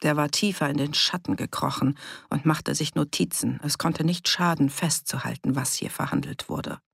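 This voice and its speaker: An audiobook narrator reading a village novel in even, measured scripted narration. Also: mid-range voice, vocal fry, husky, dry recording, studio quality.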